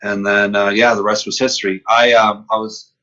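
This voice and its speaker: A man's voice: on the low side, normal speed, highs cut off. A man in his fifties from upstate New York, a podcast guest telling stories in casual chat and acting out the voices in the exchanges he recalls. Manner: lively storyteller who acts out quoted exchanges. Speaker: podcast guest, comic book artist.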